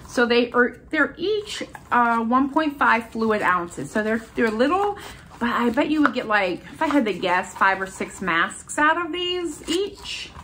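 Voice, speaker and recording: A middle-aged American woman with a stuffy, congested voice hosts a haul video, chatting casually and enthusiastically about her shopping finds. Her voice is on the high side and sharp in tone, with a little hiss or hum in the audio. She's indoors in a furnished room at home.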